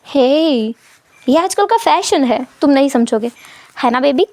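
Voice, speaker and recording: An easygoing young father sweet-talks his little girl in an indulgent way, voiced by a woman. The pitch is high and the recording is dry. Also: lively intonation, unhurried, darkish tone, no echo. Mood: doting.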